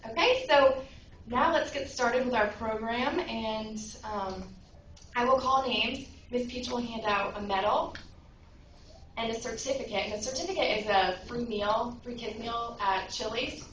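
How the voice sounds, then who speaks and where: A woman's voice: on the high side, a little slow. A woman school guidance counselor giving a speech at a school awards breakfast, telling a story and acting out its voices. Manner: warm storytelling, acts out quoted voices. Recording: echoey room from far off, noise.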